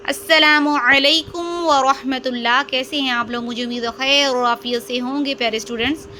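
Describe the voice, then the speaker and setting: A woman teaching Quran reading in a slow step-by-step lesson, drawing out each letter sound and answering her own questions. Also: sits high, steady tone, bright, forceful tone, slight background noise. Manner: drills letters aloud, drawn out and stressed; asks questions then answers them herself.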